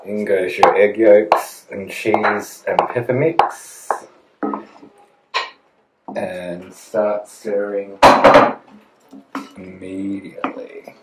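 A man's voice: lowish voice, flat delivery, very slow, pauses often, very noisy. A middle-aged man hosting a casual cooking demonstration in his home kitchen, chatting through tips as he works. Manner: chatty, gives tips while working at the stove. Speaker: cooking show host. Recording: echoey kitchen with pot and cutlery clatter. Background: cutlery and pan clatter.

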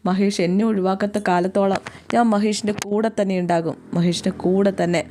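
A woman's voice: medium pitch, fairly even intonation, fairly quick, dark tone, a little hiss or hum, natural voice. A woman voicing a hurt young wife, crying as she pleads and defies her mother. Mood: tearful. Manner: pleading, emotional.

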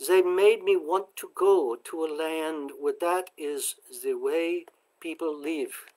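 A man's voice: a little high, steady tone, rough recording. A man reciting as an earnest young immigrant woman. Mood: reverent. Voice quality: soft accent. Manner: slow, reverent recitation.

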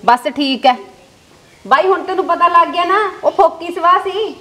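A sensible, no-nonsense village sister, acted by a woman in a homespun family drama, with a Malwai Punjabi accent. Her very high voice lays down the law in a firm, lecturing way. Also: moderate pace, fairly bright tone. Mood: stern. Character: sharp, sensible village sister, young adult.

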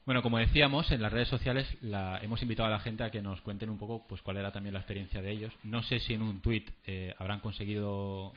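Chatty Spanish podcast host, lo-fi. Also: male voice, fairly low pitch, steady tone, fast talker, hardly any pauses. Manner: chatty, leads the talk and asks questions. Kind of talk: casual group chat, reading out tweets. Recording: dull lo-fi podcast audio.

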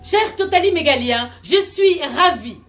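This woman's voice sits high, with lively intonation, a fairly bright tone and a slightly slow delivery over soft background music. A stand-up performer, she plays a grandiose self-esteem coach sermonizing in mock-solemn call-and-response, sprinkled with English jargon. The mic is far away in an echoey room at a large, resonant venue, giving her a booming cathedral-like echo.

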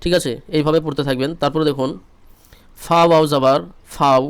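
A man with a Bangladeshi Bengali accent leads a spelling-drill lesson in a clear, resonant voice with a slightly raised, flat pitch. He spells each syllable patiently and repetitively. The sound is dry and close. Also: brisk, no echo. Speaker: Quran reading teacher.

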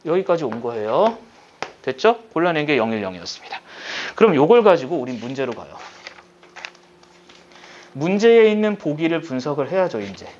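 A male teacher giving a recorded lesson, talking the class through a problem step by step and checking in with many quick questions. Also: fairly high pitch, big pitch swings, a little mellow, dull audio, a little hiss or hum. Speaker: high school Korean teacher.

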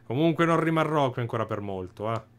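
A man voicing a gruff old bandit boss in a put-on manner, tagging his lines with "eh?". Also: medium pitch, expressive, a little fast, natural voice. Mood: mocking. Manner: drawling mafioso address, tags "eh?".

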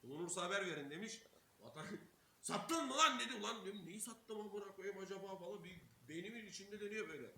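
Talking fast in a high, bright, forceful voice, a young streamer from Turkey recounts a story in a casual way. Curses fly constantly, each quote gets acted out, and he laughs through the telling. The streaming mic captures an echoey room and faint hiss.

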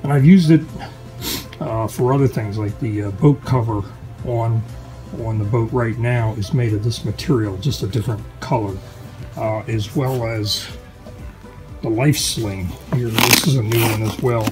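A man's voice: lowish voice, a little slow, over music, low-quality recording. A middle-aged man casually walking through his boat maintenance projects in a home workshop, talking loosely with lots of fillers and restarts. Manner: relaxed, rambling with frequent fillers and restarts. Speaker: boat owner vlogger. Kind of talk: casual workshop how-to vlog. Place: home workshop garage, indoors.

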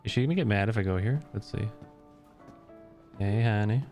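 A man's voice: fairly low pitch, moderate pace, a little mellow. A man hosting a let's play, making playful, joking comments as he plays. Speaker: gaming channel host. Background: game music.

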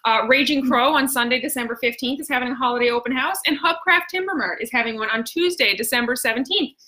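A woman's voice: high-pitched, quick pace, sharp tone. A woman with a Newfoundland accent hosting a casual live stream, chatty and exclamatory, with plenty of slang. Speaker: host.

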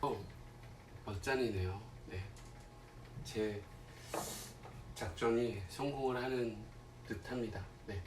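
A man chatting casually to viewers as a livestream host, haltingly, with long pauses and murmured asides. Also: medium pitch, noisy background. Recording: roomy echo, distant mic, faint music.

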